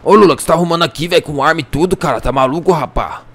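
A young Brazilian man playing a crime roleplay game, chatting in rapid, excitable street slang. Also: on the high side. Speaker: roleplay gamer. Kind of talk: casual gaming roleplay chat.

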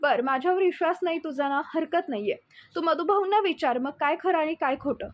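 A pushy, scheming young daughter-in-law who keeps pressing her accusations, read by a woman. The voice sits high and is plainly read rather than acted. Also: brisk, lightly acted. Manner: accusing, insistent.

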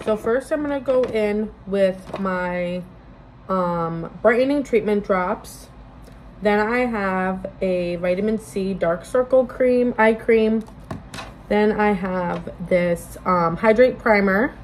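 A woman's voice: mid-range voice, takes it slowly. A woman, chatting casually and in a rambling, informal way to a phone camera as a vlogger. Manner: rambling, informal, self-interrupting. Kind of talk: casual get-ready-with-me chat to camera. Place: indoors in a small bedroom-like room. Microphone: phone propped at arm's length. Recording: noisy room phone recording.

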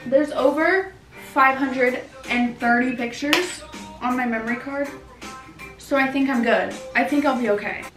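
Bubbly high-voiced young woman vlogger. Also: a little slow, echoey room, over music. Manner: chatty, bubbly, lots of "like" fillers. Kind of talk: casual vlog chat. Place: her mom's house, indoors. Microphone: handheld vlog camera.

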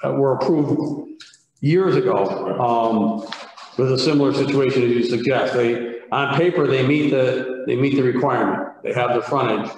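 A man at a town zoning meeting explaining matters in a plain, matter-of-fact way. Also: medium pitch. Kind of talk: meeting discussion. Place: large town meeting room. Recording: echoey hall with long reverb.

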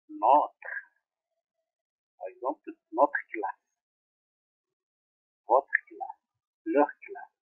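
With a strongly animated pitch, a man slowly drills French grammar for his pupils, saying each example more than once. The recording has a thin, phone-like quality.

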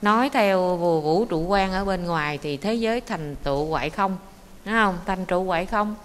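A woman, a Buddhist nun giving a lively dharma talk with rhetorical questions. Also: lowish voice, moderate pace. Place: meditation monastery hall. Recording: echoey hall with faint noise.

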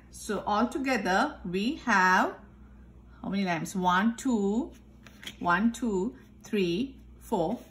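A woman art teacher giving a step-by-step drawing lesson, calmly talking through each step as she draws at a desk. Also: on the high side. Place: indoors at a desk. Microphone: overhead camera filming the tabletop.

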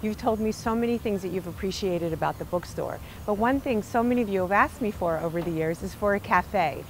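A woman in her forties who owns a bookstore, speaking earnestly to camera in a fundraising pitch on a lapel mic. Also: brisk, slight background noise, low-quality recording. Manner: warm, earnest, heartfelt. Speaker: bookstore owner. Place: bookstore interior and outdoor porch.

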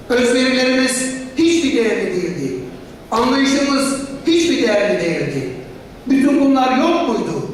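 A woman delivering an impassioned, combative convention speech as an association leader, full of rhetorical questions and emphatic repetition. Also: a little high. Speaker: professional association leader addressing an assembly. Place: large assembly hall, speaking from a podium. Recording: echoey hall, distant mic, noisy.

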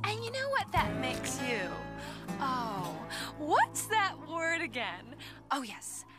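A woman playing a smug, gloating cartoon girl who trash-talks her rival with drawn-out taunts. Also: high voice, big pitch swings, full character voice. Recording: loud music behind.

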